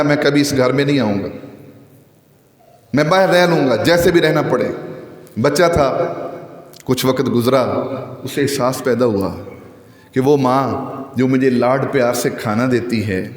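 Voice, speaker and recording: A man giving a Friday sermon with great passion, his voice swinging widely in pitch and slowing down to recite scripture. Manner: impassioned, with wide swings in pitch. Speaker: preacher. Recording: echoey hall with long reverb.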